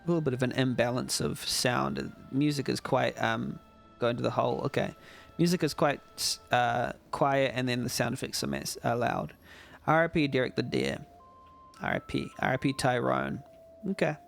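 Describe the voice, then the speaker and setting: Sleepy streamer guy, gravelly voice, dry jokes, faint game music behind. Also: medium pitch, expressive, normal speed. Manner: wry, chatty asides. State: sleepy, yawning. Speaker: streamer judging a game jam. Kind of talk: casual live commentary while playing.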